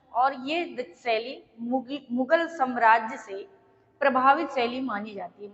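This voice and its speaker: A woman teacher giving a slow, repetitive exam-prep lecture, pausing often to check that her students are following. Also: high voice, fairly bright tone, big-room sound, dull audio.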